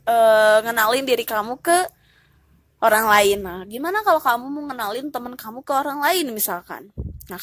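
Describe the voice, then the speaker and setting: A woman teaching English in a relaxed, casual way, explaining step by step and dropping in English phrases. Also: a little high, no echo.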